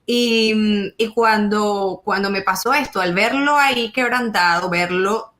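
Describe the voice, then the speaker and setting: A woman tells her story in an interview. She often stops and restarts, repeating words as she searches for them, and her pitch sits in a middle range. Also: a little slow, a bit bright. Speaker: interview guest. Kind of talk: emotional testimony in conversation.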